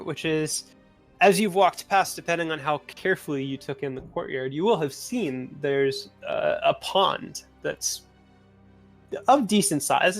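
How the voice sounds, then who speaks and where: A man narrating as game master in a tabletop game, rambling with frequent pauses and restarts. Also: fairly high pitch, gravelly. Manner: rambling, many uhs and restarts.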